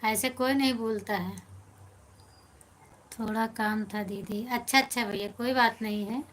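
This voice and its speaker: A fairly high-voiced woman with an Awadhi accent hosts a casual live stream. She talks in a chatty, friendly way, reading viewers' comments aloud and teasing them as she answers. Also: steady tone, measured pace, fairly bright tone.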